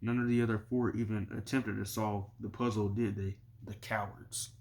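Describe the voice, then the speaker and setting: A man reading a novel chapter aloud in a plain, steady way, barely changing his voice between characters. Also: lowish voice, moderate pace. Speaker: audiobook reader.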